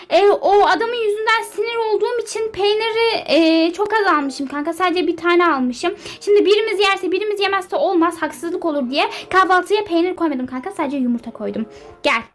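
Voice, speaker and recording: A woman doing a shrill, bossy, hyper young model. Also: normal speed, fairly bright tone. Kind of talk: game character role-play dub.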